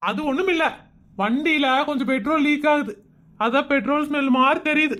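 A woman's voice: high-pitched, fairly quick, a bit bright, a little hiss or hum. A woman acting a tipsy husband who fumbles excuses and scolds his wife in a comedy skit. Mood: fibbing. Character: tipsy bumbling husband, middle-aged man, evasive.

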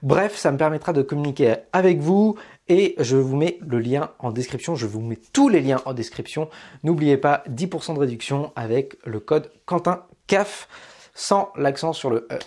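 A man's voice: on the high side, moderate pace, darkish tone. A man in his thirties, a coffee YouTuber, chatting casually as he tastes and describes coffees in a small home studio, with many fillers and hesitations. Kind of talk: casual coffee tasting vlog.

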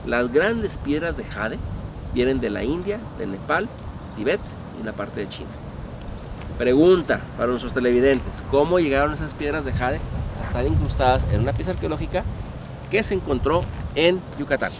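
A middle-aged man, a museum guide telling old legends in an animated, storytelling way, putting questions to the audience. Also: medium pitch, moderate pace. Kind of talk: storytelling tour explanation. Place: outdoor park museum among statues. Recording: outdoor background noise.

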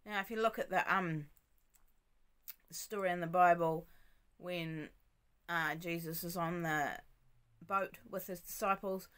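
A woman giving a casual devotional talk, gentle and reflective, often sinking to a soft near-whisper. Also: fairly low pitch, steady tone, unhurried, pauses often. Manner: many fillers and restarts, reflective.

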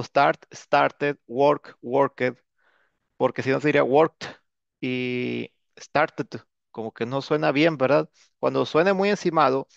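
There's no room sound in this dull, dry, lo-fi clip of a man running an informal English grammar class. He speaks at medium pitch with vocal fry, repeatedly using "este" as filler and turning statements into questions with "¿no?".

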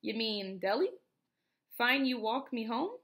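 A woman reading aloud, voicing a bossy, chatty little old woman who scolds briskly. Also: on the high side, very animated, fairly bright tone, heavily acted.

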